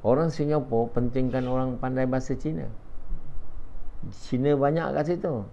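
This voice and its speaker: A man's voice: medium pitch, fairly even intonation, normal speed, vocal fry, mellow, slight background noise. A man giving an after-dawn religious lecture, often asking the audience questions and dropping in short "ha" interjections. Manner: peppers speech with short "ha" interjections. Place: a house in a residential area. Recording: dull lo-fi recording.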